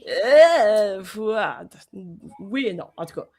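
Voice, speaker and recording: A woman's voice: mid-range voice, sing-song, takes it slowly, a little mellow. A woman with a Québécois French accent co-hosting a podcast, chatting with short replies and reading a summary aloud with care. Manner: brief agreeing replies, careful reading. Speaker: podcast co-host. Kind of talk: casual chat and reading aloud.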